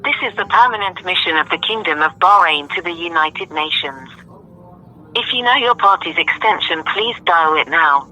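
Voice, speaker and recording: A recorded automated phone greeting, read as a formal, measured announcement for a phone menu and voicemail. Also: medium pitch, expressive, bright, forceful tone, a little hiss or hum, rough recording.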